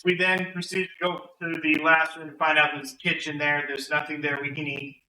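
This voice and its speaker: A man's voice: on the high side, flat delivery, a little fast, bright, forceful tone. A man casually recapping a tabletop game session for his friends, rambling and correcting himself as he goes. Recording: roomy, distant mic, faint hum.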